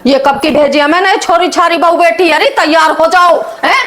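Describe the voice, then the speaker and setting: Woman, scolding skit aunt, high voice, bossy. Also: normal speed, fairly bright tone, soft background music. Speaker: aunt figure in a comedy skit. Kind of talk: comic skit acting.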